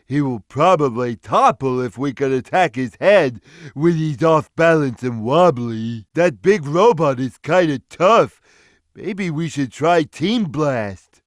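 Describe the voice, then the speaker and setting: An actor playing a big, gentle, simple-minded cartoon cat in a video game, speaking in a slow, earnest, friendly way. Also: male voice, on the high side, no echo, clean studio sound. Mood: easygoing, earnest. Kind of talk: video game character lines.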